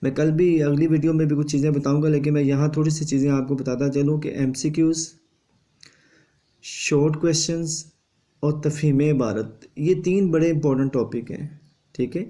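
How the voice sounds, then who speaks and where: A man's voice: a little high, steady tone, mellow. A male teacher giving an exam revision lesson. He lectures steadily and repeats a confirming tag after each point.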